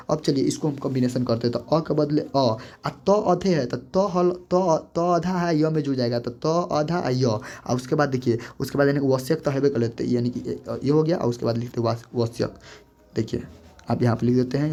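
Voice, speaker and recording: A man's voice: medium pitch, brisk, dark tone. A man teaching a grammar lesson, repeating steps and quizzing the listener as he goes. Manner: repetitive, coaxing, quizzes the listener. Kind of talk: board-explaining grammar lesson.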